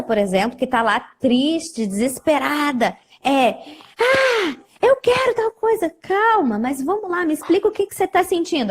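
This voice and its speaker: A woman, a psychologist hosting a live stream, explaining ideas with acted examples of what clients say. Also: on the high side. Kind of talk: explanatory conversation.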